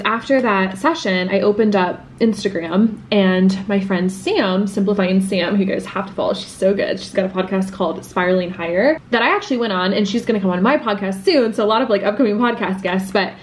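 A woman in her twenties chatting casually to camera in a bubbly, laughing vlog from her bright apartment. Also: mid-range voice, fairly quick, hardly any pauses, slight background noise. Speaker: lifestyle vlogger. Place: bright apartment room at home. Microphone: camera mic at arm's length or on desk.

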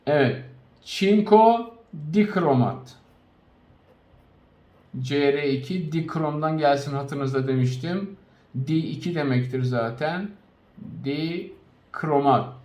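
A man teaches chemistry in a recorded lesson, his voice sitting a little higher than most men's. He stretches each compound name out slowly and keeps circling back to recap the rules. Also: a little mellow. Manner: slow, spelled-out naming of compounds with frequent recaps; addresses students directly.

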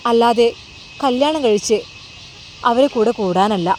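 A woman's voice: a little high, measured pace, darkish tone, slight background noise, close to an everyday voice. A woman voicing a heartbroken young woman who talks in a tearful, bitter, pleading way, with faint crickets behind. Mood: hurt, bitter. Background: faint evening crickets.

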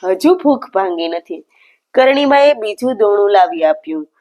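A woman's voice: medium pitch, lively intonation, moderate pace, mellow. A woman narrating a devotional story, explaining words as she goes and praising the devotee.

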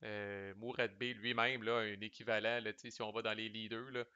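A man's voice: on the low side, level tone, brisk, bright, forceful tone, clean tone, no room sound, lo-fi sound. A man with a Québécois French accent talks through board game cards in a chatty, loose way. He drops in English game terms and salty slang. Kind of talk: casual explanatory commentary.

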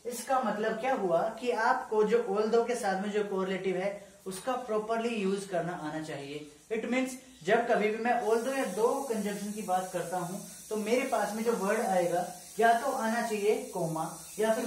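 A man teaching grammar, talking slowly and deliberately, dictating example sentences word by word and often checking that the class follows. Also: sits high. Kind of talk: explaining grammar in a lesson. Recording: echoey room, far from the mic, faint ambient noise.

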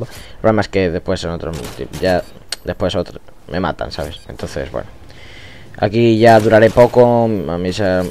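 A man's voice: lowish voice, a little mellow, a little hiss or hum. A man with a Spain Spanish accent giving casual gameplay commentary, rambling with frequent restarts and fillers. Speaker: gaming YouTuber.

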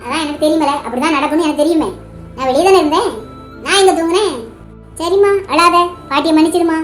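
A woman's voice: extremely high pitch, fast talker, soft background music. A woman voicing an affectionate, teasing old grandmother in a cartoon, with a Tamil Nadu accent. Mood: playful. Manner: teasing, then tearfully apologetic. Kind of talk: cartoon voice acting.

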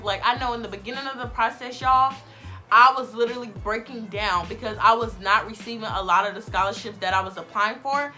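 A woman's voice: a little high, pushed and bright. A young woman vlogging to camera from her bedroom, chatty and encouraging, slightly sniffly while getting over a cold. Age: young adult. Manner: chatty, encouraging, addresses viewers as you guys. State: recovering from illness, sniffly. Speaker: vlogger, college student. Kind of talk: casual advice vlog to camera. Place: bedroom, sitting on a bed.

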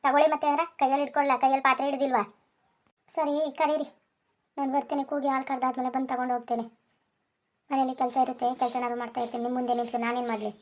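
A woman voicing a sharp-tongued village wife in a cartoon who scolds her husband. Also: high voice, flat delivery, racing, close to an everyday voice. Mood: scolding. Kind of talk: Kannada cartoon voice acting.

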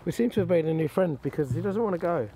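Speaking fast and expressively in a fairly high, mellow voice, an angler chats casually and understatedly to camera for his fishing vlog on a lakeside bank. The low-quality outdoor camera recording carries clear ambient outdoor noise.

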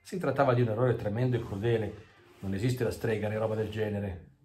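A man doing a gruff, urgent trucker. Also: lowish voice, steady tone, brisk, mellow, lightly acted. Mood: warning. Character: gruff male trucker, warning and wary. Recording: echoey room with faint music.

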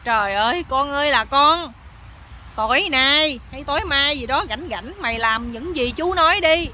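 A nosy older village uncle, put on by a woman telling a story, who scolds and exclaims in a Southern Vietnamese accent. The voice is high and bright, with a forceful edge. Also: animated, normal speed. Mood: scolding.

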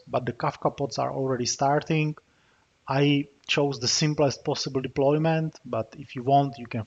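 In this screencast tutorial, a Czech software developer demos a tool in the terminal, narrating at a mid pitch while he types commands. He pauses often with little "uh" fillers. The audio is somewhat dull and muffled, and keyboard clicks sit beneath his voice.

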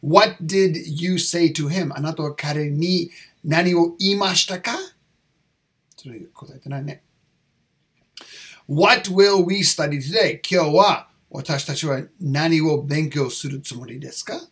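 Careful and unhurried, a man explains the answers to an English test, repeating each phrase and shifting between Japanese and English as he goes. His voice is a touch high for a man and a bit bright.

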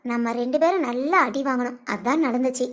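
A woman's voice: sits high, a little fast, lightly acted. A woman voicing a cheeky little village girl in a cartoon. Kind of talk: cartoon voice acting.

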